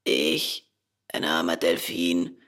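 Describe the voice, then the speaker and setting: A woman voicing a calm, resigned old male dolphin with a hoarse voice. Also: very deep voice, voice pushed down, full character voice. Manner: calm, unhurried.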